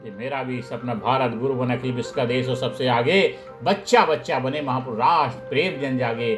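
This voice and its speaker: A man's voice: medium pitch, normal speed. Rousing motivational speaker, man. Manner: rousing, repetitive chanting of slogans. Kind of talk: motivational speech. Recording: faint background music.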